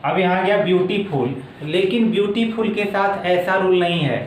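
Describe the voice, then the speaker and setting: A man walks through grammar rules slowly, repeating each word form as he goes. His voice sits high for a man. The room is echoey, with a faint hiss of background noise. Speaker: English teacher. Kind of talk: explaining grammar in a video lesson.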